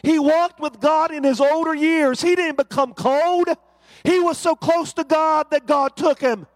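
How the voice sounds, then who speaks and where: With a high, bright-toned voice, a man preaches a sermon built on rhythmic refrains that rise, taking it a little slowly. He is captured close and dry, without any room ambience.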